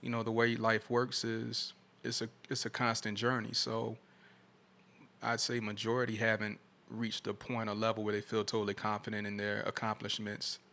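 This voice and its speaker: A man talking reflectively and casually in a soft-spoken way. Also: on the low side, monotone, normal speed, vocal fry.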